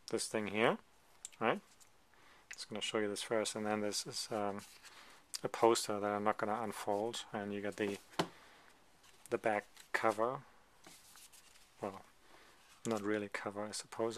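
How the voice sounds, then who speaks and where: A man casually presenting a photo book he is paging through at a table, talking in a relaxed, hesitant way with many ums and side remarks. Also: fairly low pitch, slight background noise. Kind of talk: casual show-and-tell commentary. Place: indoors at a table, filming a book from above.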